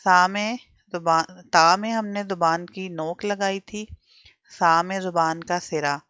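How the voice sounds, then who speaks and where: A woman's voice: on the low side, fairly even intonation, slow, fairly bright tone, clear, resonant tone, no room sound, muffled recording. A woman teaching Quran letter sounds step by step, asking questions and having learners repeat after her. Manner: patient, drills learners with repetition and questions.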